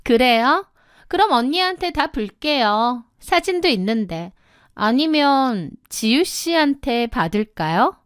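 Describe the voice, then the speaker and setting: A woman's voice: sits high, big pitch swings, unhurried, few pauses, clean tone, no room sound, studio quality. A woman voicing a spoiled younger sister in her thirties, mocking and contemptuous. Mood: blackmailing.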